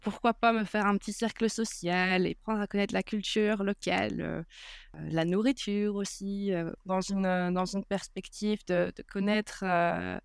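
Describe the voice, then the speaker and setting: A woman, a podcast guest chatting casually and pausing often with fillers. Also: medium pitch, fairly even intonation, creaky, clean tone, no echo, studio quality. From Belgium. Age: 20s. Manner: hesitant, many filler pauses. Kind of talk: casual interview chat.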